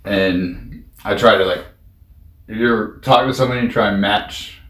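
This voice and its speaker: A man co-hosting a casual podcast, soft-spoken, laughing often and giving short replies. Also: lowish voice, normal speed. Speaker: podcast co-host. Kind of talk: casual chat. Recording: roomy echo.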